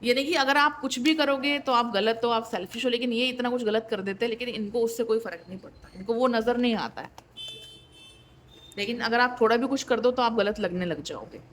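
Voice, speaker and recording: Tarot reader, woman, higher voice, conversational and direct, repeats for emphasis. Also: brisk, a little hiss or hum. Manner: direct and conversational, often checks in with "ठीक है"; repeats points for emphasis, with wry disbelief. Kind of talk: tarot reading addressed straight to the viewer.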